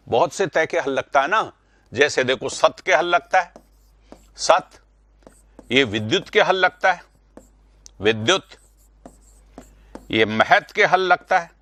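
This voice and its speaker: A man's voice: medium pitch, fairly bright tone, dry recording. A man teaching Hindi spelling and pronunciation in an online class, repeating words to stress the correct sounds and correcting students directly. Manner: addresses students directly, correcting their answers.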